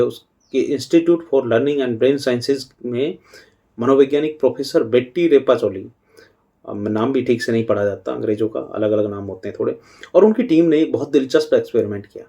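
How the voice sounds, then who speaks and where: A middle-aged man giving a calm devotional talk on parenting as a spiritual teacher, unhurried and pausing now and then. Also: mid-range voice.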